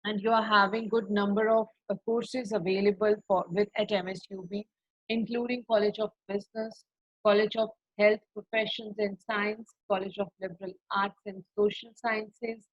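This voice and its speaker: A woman's voice: mid-range voice, no echo. Brief: woman admissions rep, webinar talk, dull muffled audio, dry sound. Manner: explanatory, lists items, uses fillers. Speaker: university admissions representative. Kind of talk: webinar presentation.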